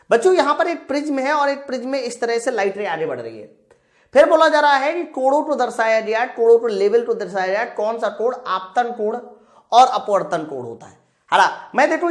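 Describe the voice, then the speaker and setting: Leading an exam-prep physics lesson, a very high-voiced man talks through problems aloud, repeating himself with emphasis and frequently asking his students questions. The recording echoes as if in a large room.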